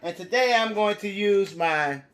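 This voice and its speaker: A fairly bright, high-sitting male voice, a little slow, belongs to an American teacher of preschoolers and kindergartners. On a children's TV lesson built around storytelling and counting, he talks like he's reading to a toddler, using repeated phrases and simple questions.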